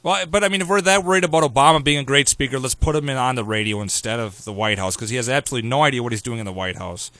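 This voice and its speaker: A man's voice: mid-range voice, very fast, few pauses, bright, forceful tone, no room sound. A man hosting a talk radio show, ranting in a sarcastic, opinionated way.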